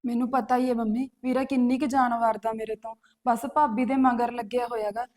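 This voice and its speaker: A woman's voice: on the high side, level tone, a little fast, a little mellow, close to an everyday voice. A young woman playing a hurt, resentful sister who sulks and answers back defiantly, with faint music behind. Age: young adult.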